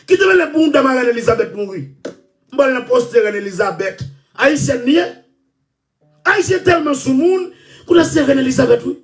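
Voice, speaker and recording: A man with a Haitian Creole accent, ranting loudly and repeating himself. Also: extremely high pitch, animated, a little fast, far from the mic. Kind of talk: impassioned rant.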